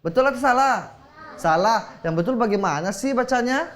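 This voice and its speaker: A man's voice: very high voice, expressive, moderate pace, fairly bright tone. A man teaching children as a religious teacher on a TV show, quizzing them and leading call-and-response with frequent praise. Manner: encouraging, quizzing, exclaiming praise often. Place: TV studio.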